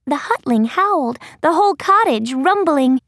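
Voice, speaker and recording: A woman narrating a children's fantasy audiobook in a playful, expressive storytelling manner. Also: high voice, normal speed, dry recording, studio quality.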